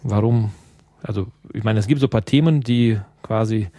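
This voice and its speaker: A Russian man gives an interview in his second language as a guest and party activist, explaining earnestly while searching for words. His voice is on the low side and warm, at normal speed, in clean studio sound with no echo.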